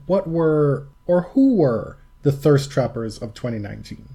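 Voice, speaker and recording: A man's voice: a little high, big pitch swings, unhurried, mellow, breathy edge. A man co-hosting a tennis podcast in casual chat, wry and teasing, stretching words for emphasis. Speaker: podcast co-host.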